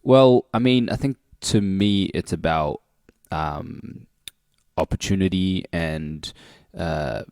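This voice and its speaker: A man's voice: low voice, slow, darkish tone, no echo, studio quality. A man speaking casually as a panellist in a livestream discussion. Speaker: youth arts panellist.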